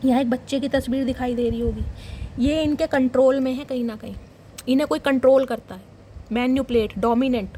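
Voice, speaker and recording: A young woman reading tarot cards for her viewers. She talks in a dramatic, animated way and keeps calling them guys. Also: sits high, brisk, a little hiss or hum. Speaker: tarot reader.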